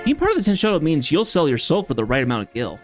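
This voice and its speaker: A man's voice: a little high, wildly swooping pitch, racing, music in the background. A man voicing a sly, money-minded male smuggler with a folksy manner.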